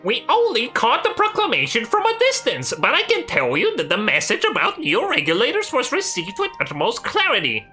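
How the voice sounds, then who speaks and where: Poised ally in a game, crisp bright voice, swoops up and down a lot, faint music. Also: female voice, a little high, huge pitch swings, normal speed, hardly any pauses, heavily acted. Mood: composed. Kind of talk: video game voice acting. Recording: game audio with music behind.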